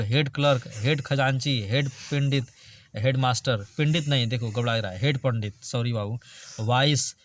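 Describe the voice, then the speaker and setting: Chatty man drilling grammar. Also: mid-range voice. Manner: chatty, jokes with students, drills word lists. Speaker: teacher. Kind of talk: online grammar lesson.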